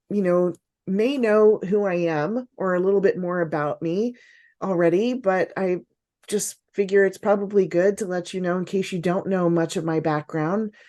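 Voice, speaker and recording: A woman's voice: medium pitch, dark tone. Upbeat woman hosting an online workshop. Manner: upbeat, encouraging, frequent praise. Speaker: business coach and workshop host. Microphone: video call.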